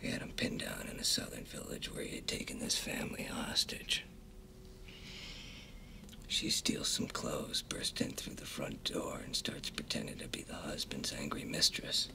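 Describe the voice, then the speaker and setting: An actor playing a calm, dry-humored army commander who gives clipped orders in a hushed voice. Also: male voice, a bass voice, moderate pace, creaky, in a whisper, heavily acted. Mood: storytelling, hushed. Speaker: commanding officer. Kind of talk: film dialogue.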